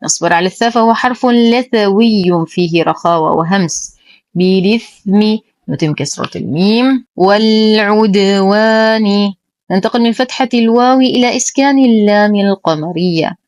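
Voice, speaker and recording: A woman teaching Quran recitation rules, explaining each word carefully and then reciting it slowly and precisely. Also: medium pitch, animated, darkish tone, no room sound. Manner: careful, precise, slow drawn-out recitation of examples.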